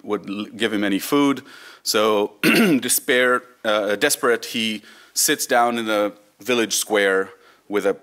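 A Hebrew-speaking Israeli man in his thirties, a volunteer digital librarian, speaks from a lectern in a conference room. His voice is on the low side and a bit bright as he delivers an informal, wry talk with some storytelling.

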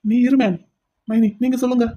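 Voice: medium pitch, steady tone, brisk, warm tone, lightly acted. A voice actor doing a brash pleading young man. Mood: insistent. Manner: insistent, pleading. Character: brash young man pining for his brother's sweetheart.

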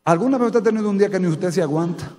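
A man's voice: sits high, rapid-fire, warm tone. A Dominican man with a Dominican Spanish accent, preaching a sermon as pastor to a live congregation, asking them questions. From Dominican Republic. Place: church sanctuary. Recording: church hall reverb.

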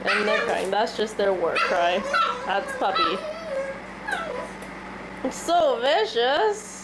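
A twenty-something vlogger with a cold-stuffed voice rambles and laughs her way through a casual food diary, holding the camera at arm's length around her home kitchen and living room. She speaks slowly in a medium-pitched, sing-song voice, with heavy noise in the background.

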